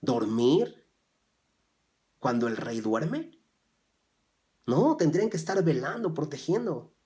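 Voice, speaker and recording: A man preaching a sermon as pastor. He drops to soft, low asides, then rises loudly when he reads scripture, and he asks his listeners rhetorical questions. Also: big pitch swings, slow pace. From Mexico. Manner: swings from soft, low asides to loud, raised scripture reading.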